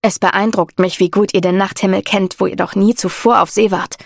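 A woman voicing a courteous female officer serving as royal envoy, measured and formal. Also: medium pitch, fairly even intonation, vocal fry, no echo, clean studio sound. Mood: thoughtful.

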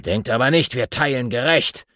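A man's voice: mid-range voice, normal speed, sharp tone, dry recording, studio quality, natural voice. A man voicing a grumpy, greedy male badger who snarls and bosses others around, for a children's audiobook. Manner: snarling, bossy.

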